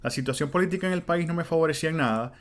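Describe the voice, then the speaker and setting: A man's voice: a little high, racing. A man in his thirties from Venezuela with a Venezuelan Spanish accent, hosting a solo podcast in an earnest, conversational way. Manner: earnest, conversational, with fillers like "este" and "pues". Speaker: podcast host. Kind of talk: reflective solo podcast monologue.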